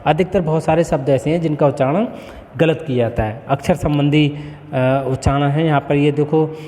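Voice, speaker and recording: A man giving a spoken lesson, explaining slowly and deliberately, with a frequent "okay" as he moves between points. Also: fairly high pitch, fairly even intonation, mellow, in a large hall. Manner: slow, deliberate word-by-word explanation with frequent "ठीक है". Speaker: teacher.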